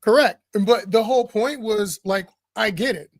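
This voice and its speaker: Blunt, animated, and prone to laughing in the middle of sentences, this male political talk show co-host has a distinctly high voice and keeps a moderate pace. There's no room around the sound, which is close and dry.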